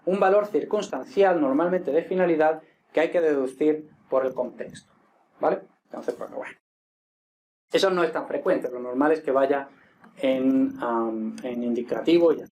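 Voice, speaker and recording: A man's voice: fairly high pitch, moderate pace, darkish tone. A man from Spain with a Spanish accent teaching a casual online Latin grammar lesson, often checking in with "¿vale?" as he explains. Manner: chatty, frequent "entonces" and "¿vale?" checks with students.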